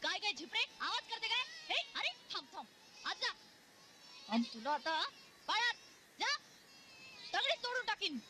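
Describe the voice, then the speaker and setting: An actress playing a strict schoolteacher who scolds and threatens children in sharp shouts. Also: female voice, extremely high pitch, lively intonation, normal speed, long pauses, heavy background noise. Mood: scolding. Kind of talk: 1990s film acting.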